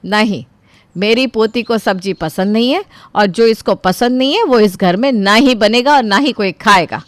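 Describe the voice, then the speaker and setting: A woman's voice: fairly high pitch, normal speed, no room sound, close to an everyday voice. A woman playing a doting but stubborn old grandmother in a storybook tale, with a commanding, scolding way of talking. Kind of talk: voiced storybook character.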